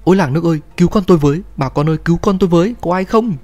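A man's voice: animated, a little fast, darkish tone, soft background music. Man playing a frantic elderly mother. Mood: panicked. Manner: shrill, crying out in panic.

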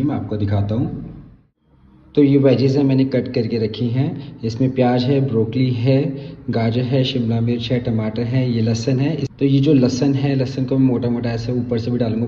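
A man talks his way through a home cooking vlog, chatty and rushed as he keeps apologizing for the pace. His voice is mellow and dark. The kitchen recording is roomy with a long tail and a slightly dull, muffled sound. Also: medium pitch, slight background noise. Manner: chatty and hurried, apologizes for rushing. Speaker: vlogger.

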